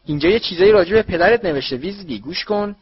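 A man voicing a boastful schoolboy bully who taunts loudly for all to hear. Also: sits high, animated, husky, muffled recording, pitched above the performer's own voice, heavily acted. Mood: taunting. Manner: taunting, loud.

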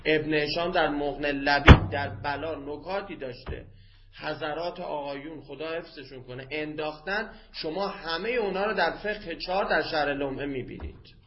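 This man, whose voice leans high, teaches Arabic grammar in a seminary class, chanting quoted Arabic phrases slowly before chatting quickly and casually with his students. The classroom recording is dull and lo-fi, with faint noise.

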